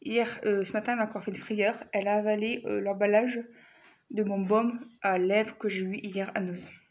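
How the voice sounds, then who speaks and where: A woman's voice: mid-range voice, steady tone, moderate pace, highs cut off. A woman vlogging a grocery haul at home, chatting casually to the camera with lots of fillers and restarts. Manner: chatty, addresses viewers directly, frequent fillers and restarts.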